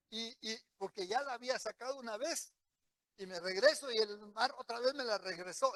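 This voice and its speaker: High-voiced, bright-toned male preacher. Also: dry recording. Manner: vivid storytelling, acts out what people said. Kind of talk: sermon with personal testimony.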